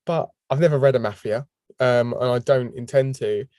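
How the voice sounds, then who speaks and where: A man's voice: mid-range voice, normal speed, mellow, no echo, clean studio sound. A man co-hosting a podcast in casual chat, laughing often as he talks. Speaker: podcast co-host.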